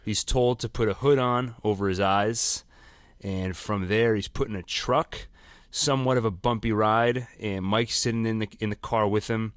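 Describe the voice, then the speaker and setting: A man's voice: lowish voice, clear, resonant tone, no room sound, clean studio sound. A man co-hosting a podcast, casually recapping and explaining an episode's plot at length. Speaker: podcast co-host.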